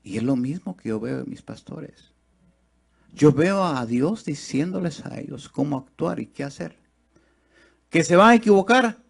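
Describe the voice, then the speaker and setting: A man preaching a sermon in church, his delivery rising into loud, high, fast bursts of exhortation and then sinking to low, slow, nearly hushed lines. He keeps turning to the congregation with rhetorical questions. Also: expressive, creaky, slightly rough.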